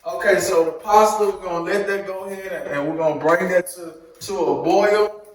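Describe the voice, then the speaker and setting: A man's voice: high voice, fairly even intonation, normal speed, heavy reverb, distant mic, poor audio. A man walking viewers through a recipe in a chatty, joking way, with preachy asides to the audience. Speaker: home cook teaching a recipe. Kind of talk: casual cooking tutorial.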